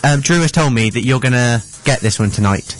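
A man's voice: mid-range voice, animated, brisk, faint music behind, poor audio. A young man presenting a radio show in a casual, chatty style as co-host.

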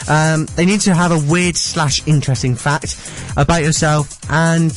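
Higher-voiced enthusiastic male radio host. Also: steady tone, normal speed, faint music behind. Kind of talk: chatty radio presenting.

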